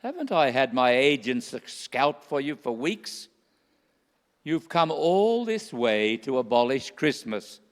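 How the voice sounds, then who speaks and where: A man acting an unflappable, courteous old Santa Claus in a rhyming radio play, with a measured theatrical delivery. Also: mid-range voice, sing-song. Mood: calm reproach. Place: stage in a hall. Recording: hall with long reverb.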